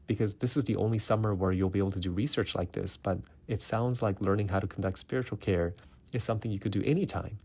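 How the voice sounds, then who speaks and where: Man quoting a brisk woman professor. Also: lowish voice, a little mellow, husky. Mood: persuasive. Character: woman professor, eager then disappointed.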